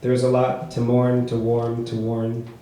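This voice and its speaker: A man reads his own prose poetry at a book launch, in a measured, rhythmic cadence. His mellow voice sits at a middle pitch. The recording is very echoey, with faint room noise behind him. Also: monotone. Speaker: author reading his work. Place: bookshop event space.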